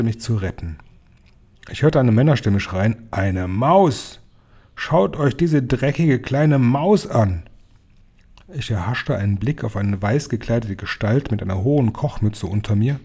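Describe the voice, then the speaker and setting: Male audiobook reader, dark husky voice, lively storytelling. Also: lowish voice. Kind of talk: scripted audiobook narration.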